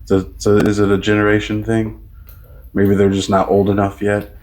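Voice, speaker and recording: A man in his thirties co-hosting a casual podcast, rambling with lots of fillers and loudly mimicking conversations. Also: lowish voice, monotone, normal speed. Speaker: podcast co-host. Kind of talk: casual chat.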